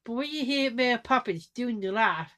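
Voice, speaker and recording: A woman talking casually to camera in a vlog, halting and restarting often as she demonstrates different laughs. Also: on the high side, expressive, fairly bright tone. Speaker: vlogger.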